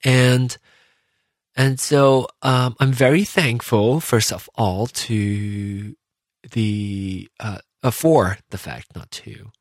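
A man hosting a podcast, talking casually and reflectively about himself, often pausing and rephrasing as he thinks aloud. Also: mid-range voice, steady tone, no echo, clean studio sound. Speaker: podcast host. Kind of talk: casual reflective personal monologue.

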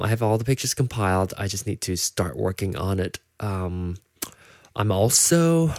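Speaking solo on his own show, this man has a deep, low, slightly mellow voice and a Malaysian English accent with some American coloring. He drifts casually from thought to thought, full of fillers and false starts. The audio is close and dry, with no echo.

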